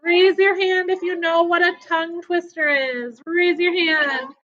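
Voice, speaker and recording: High-voiced encouraging woman teacher online. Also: fairly even intonation, a little slow, fairly bright tone. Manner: upbeat, encouraging, speaks to children. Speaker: elementary school teacher. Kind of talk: online class lesson. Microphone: video call. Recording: dull lo-fi video call audio.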